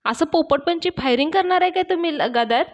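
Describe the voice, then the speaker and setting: A woman's voice: very high voice, fairly quick, highs cut off, voice pushed up. A woman voicing a young man who is an eager, bossy helper and speaks in a pushy, coaxing way. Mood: urging.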